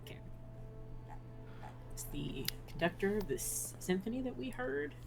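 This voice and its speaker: A player with a medium-pitched voice chats at a tabletop game. The talk is casual and questioning, with music clearly audible underneath. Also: lively intonation, unhurried.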